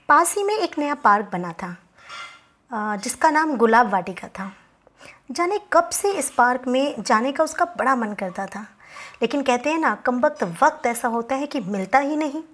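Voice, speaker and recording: A woman narrating a moral story in a relaxed, conversational way, with small asides to the listener. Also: a little high.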